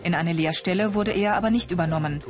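A woman's voice: lowish voice, fast talker. A woman reading scripted narration for a television news report.

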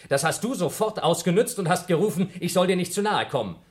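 A man's voice: high-pitched, expressive, fast. A man playing a coldly logical, paranoid scientist. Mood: heated agitated. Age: younger than Mills. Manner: coldly logical, accusing, rising to shouts. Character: Blob, paranoid scientist man feuding with crewmate. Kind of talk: German radio play acting.

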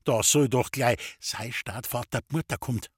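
A man's voice: medium pitch, normal speed, slightly rough, no room sound, studio quality. A man voicing a young forester's son, a sheepish lad speaking.

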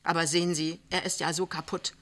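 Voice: medium pitch, level tone, a little fast, a bit bright, lightly acted. A reader voicing a worried, earnest young wife in an audiobook reading, speaking with urgent, rising emphasis. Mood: anxious.

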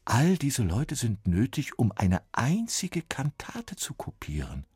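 A man's voice: mid-range voice, wildly swooping pitch, takes it slowly, a little mellow, breathy edge, dry recording, voice pushed up, heavily acted. A man voicing a confused, timid young male apprentice in a storybook reading, speaking hesitantly in a raised voice. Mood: bewildered. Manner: hesitant, unsure.

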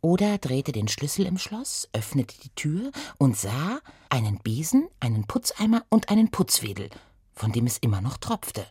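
Lively woman reading a children's story. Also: extremely low pitch, normal speed, breathy edge, no room sound, studio quality. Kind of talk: scripted story narration.

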